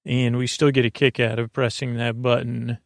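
A low-voiced American man with a creaky, gravelly edge hosts a bedtime podcast, recorded close and dry with no room sound. His pitch barely moves as he rambles haltingly from tangent to tangent, easing listeners toward sleep.

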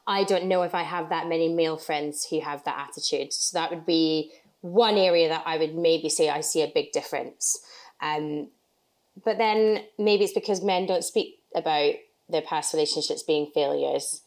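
A woman's voice: low-pitched, moderate pace, darkish tone. A woman joining a casual discussion as a guest, speaking in an earnest, emphatic way.

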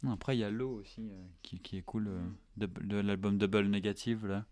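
A young man chatting excitedly about music he loves, slangy and quick to laugh. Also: on the low side. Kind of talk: casual chat about music.

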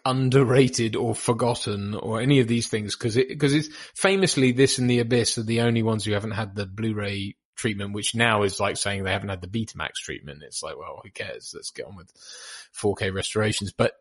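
Husky rambling man on a podcast. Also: lowish voice, normal speed, few pauses, no echo. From Bahamas. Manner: rambling, self-deprecating, with many restarts. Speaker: podcast guest. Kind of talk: casual chat.

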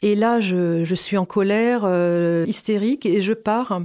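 A woman's voice: medium pitch, measured pace, darkish tone. A woman in her fifties candidly recounting her experience as a patient, in an earnest personal testimony. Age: 50s. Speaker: patient sharing her cancer story.

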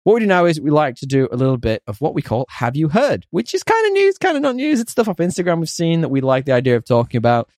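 Lively man co-hosting a podcast. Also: fairly high pitch, quick pace, few pauses, no room sound, clean studio sound. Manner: laughs often, animated. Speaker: podcast co-host. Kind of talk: casual chat.

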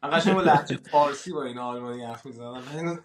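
A man from Iran hosting a podcast, asking questions casually with hesitant fillers and laughing along. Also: mid-range voice. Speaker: podcast host.

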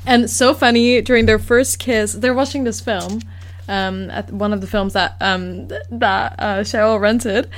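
A woman's voice: mid-range voice, fairly even intonation, measured pace. Woman cohost, mostly mm-hmms and dry little jokes, casual podcast chat. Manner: short backchannels and dry quips. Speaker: podcast co-host. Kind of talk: casual film-review chat.

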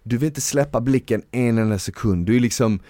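A man's voice: medium pitch, warm tone, no room sound. A man hosting a podcast in a studio, chatting eagerly with many fillers and restarts. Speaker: podcast host. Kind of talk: casual chat.

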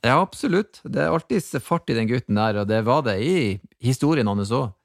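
A man's voice: medium pitch, expressive, vocal fry, no echo, studio quality. A male podcast host in casual chat, upbeat and introducing guests and clips.

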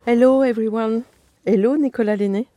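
French woman podcast host, mellow soft-edged tone, very dry close sound. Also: on the high side, brisk, dry recording. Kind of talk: podcast intro and interview.

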